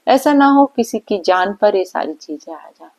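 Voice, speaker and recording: A woman's voice: medium pitch, animated, normal speed, darkish tone, poor audio. A woman vlogger giving a reaction commentary, scolding and indignant, firing off rhetorical questions. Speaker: vlogger reacting to online drama.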